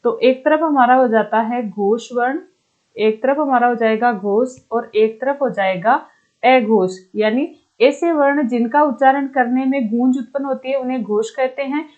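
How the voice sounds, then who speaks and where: A woman's voice: fairly high pitch, normal speed. A young woman teaching a grammar lesson online, explaining patiently and asking the class questions she then answers herself. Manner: explains patiently, repeats and asks questions back to students. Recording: dull lo-fi recording.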